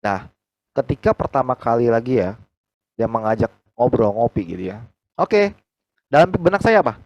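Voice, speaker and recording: A man, leading a team training over a video call, animated and acting out quoted conversations. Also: normal speed, no echo, muffled recording. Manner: animated, acts out quoted dialogue with big pitch jumps.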